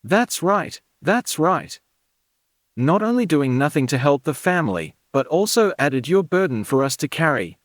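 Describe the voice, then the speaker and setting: A man voicing a furious shouting uncle. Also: on the high side, very animated, a little slow, no echo, clean studio sound, voice pushed up. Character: angry hungry adult male uncle.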